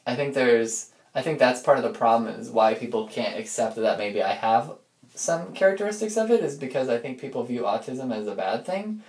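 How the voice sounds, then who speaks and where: A man keeps a casual, rambling personal audio diary, thinking out loud, losing his thread and picking it back up. His medium-pitched voice is expressive and darkish, at a moderate pace. The room is echoey.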